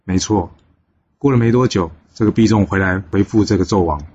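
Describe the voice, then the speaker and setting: Man storyteller, low voice, dull recording. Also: brisk, breathy edge. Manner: lively, voices characters lightly in quotes. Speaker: storyteller host. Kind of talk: storytelling narration of a classical tale. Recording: slightly dull recording with faint noise.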